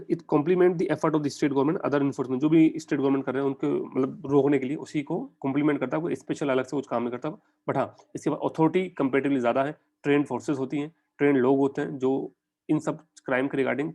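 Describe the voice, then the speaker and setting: A young Indian man giving a conversational exam-prep lecture, often putting quick questions to his students. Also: medium pitch, a little mellow. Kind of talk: online lecture in mixed Hindi and English.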